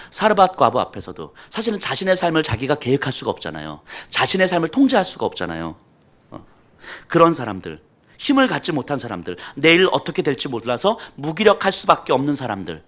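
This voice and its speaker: A man's voice: medium pitch, a bit bright. A man pastor preaching a sermon, telling self-deprecating stories with humor.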